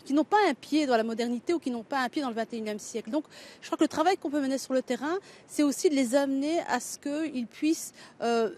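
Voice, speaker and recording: A woman's voice: high-pitched, fast, darkish tone. A middle-aged Belgian woman, a writer and local candidate, answering interview questions thoughtfully with many hesitations and restarts.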